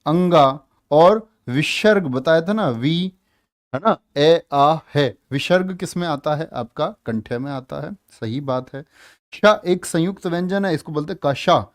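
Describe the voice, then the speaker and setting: Hindi teacher guy, kinda high voice, teases the class and keeps firing questions back at them. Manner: scolds and teases students, drills answers with repeated questions; stretches sounds slowly when spelling out letters. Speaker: Hindi teacher for exam prep. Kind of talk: online exam-prep class.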